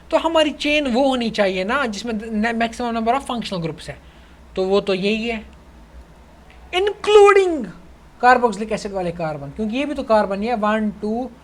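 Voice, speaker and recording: This young adult chemistry tutor has a voice that sits high, and a little hiss or hum is audible. He teaches a casual online lecture in a chatty way, calling students "bhai" and checking that they follow along.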